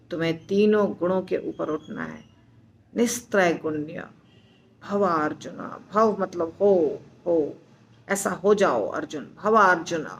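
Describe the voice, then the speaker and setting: A woman teaching recitation, explaining slowly and patiently, repeating words syllable by syllable and reassuring her students. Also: lowish voice, gravelly, a little hiss or hum. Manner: reassuring, instructive. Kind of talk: slow explanatory lesson.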